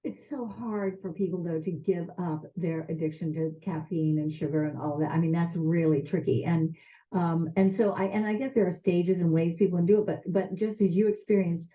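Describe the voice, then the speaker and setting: A woman speaking as a public radio host in an informal, unscripted interview, conversational with halting, hesitant phrasing. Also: lowish voice. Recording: muffled, narrow phone-like radio sound.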